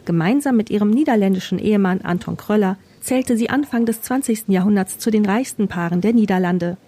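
A woman narrates a scripted radio travel feature in a mellow, warm voice. Her delivery is measured and informative. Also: mid-range voice. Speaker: radio reporter.

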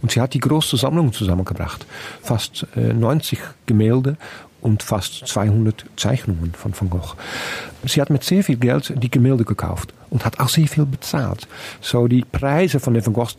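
A man with a Dutch accent gives a radio interview as a museum director. His voice is gravelly, husky and dark, and his German is thoughtful and halting. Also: medium pitch.

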